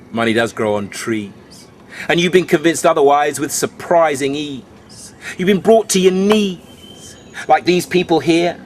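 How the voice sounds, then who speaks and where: High-pitched man reciting cool beatnik poetry. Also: slight background noise. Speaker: spoken-word poet. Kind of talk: rhyming stand-up beat poetry performance.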